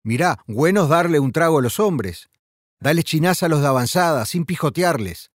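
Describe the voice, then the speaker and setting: A man shouting as a gruff army sergeant. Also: fairly high pitch, lively intonation, moderate pace, dry recording, clean studio sound. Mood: barking orders. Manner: shouting orders.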